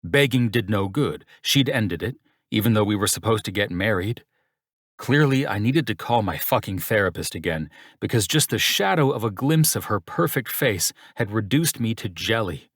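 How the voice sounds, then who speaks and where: Brief: male audiobook narrator, fairly low voice, wry first-person read, dry booth sound. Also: expressive, normal speed, fairly bright tone, no room sound.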